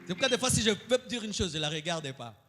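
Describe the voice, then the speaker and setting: A male pastor preaching a sermon, moving between loud, high outbursts and quiet asides. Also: lively intonation, fast, slight background noise. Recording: long hall reverb.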